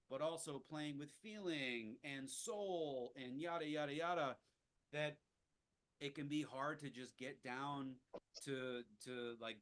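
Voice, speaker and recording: A man's voice: mid-range voice, a bit bright. A man leading a casual jazz improvisation lesson, rambling with lots of restarts and fillers. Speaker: jazz teacher.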